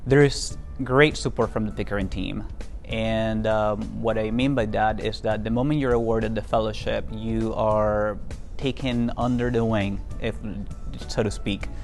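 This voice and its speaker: Earnest man with a gravelly voice. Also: fairly low pitch, fairly even intonation, unhurried, darkish tone, soft background music. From Venezuela. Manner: earnest, many fillers and restarts. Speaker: interviewee, diplomat. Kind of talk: casual interview talk.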